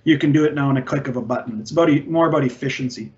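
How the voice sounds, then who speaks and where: A man's voice: medium pitch, rapid-fire. A man in his forties speaking on a video call panel about ag technology, conversational, with many fillers and restarts. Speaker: ag tech company representative. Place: indoors, virtual background. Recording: dull lo-fi video call audio.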